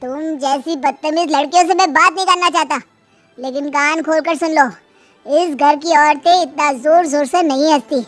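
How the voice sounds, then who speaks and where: A woman's voice: sits high, moderate pace, soft background music, natural voice. A woman voicing a rude, domineering middle-aged uncle-in-law who scolds with contempt. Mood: contemptuous.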